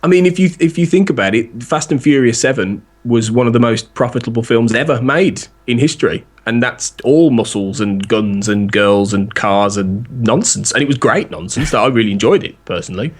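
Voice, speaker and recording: A man's voice: mid-range voice, moderate pace, slightly rough. Chatty man who laughs a lot. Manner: laughs often, chatty and rambling. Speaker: podcast guest. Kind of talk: casual chat.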